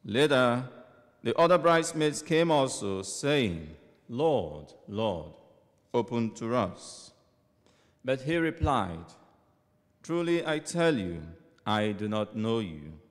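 A priest reading the gospel and preaching a homily in a measured, deliberate way, his voice ringing through a large church with a long echo. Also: mid-range voice, big pitch swings.

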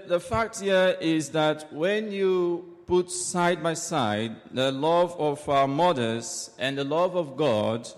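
A man reading the gospel at Mass and preaching a homily in a slow, measured, solemn way, with a cathedral echo. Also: on the high side. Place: large church. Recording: long echoing church reverb.

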